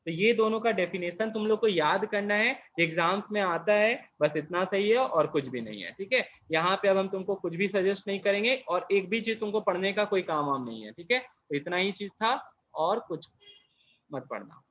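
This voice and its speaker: A man's voice: sits high, animated, a bit bright, highs cut off. A male physics teacher lecturing a class, explaining and then asking and answering his own questions. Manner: reads English definitions slowly, word by word.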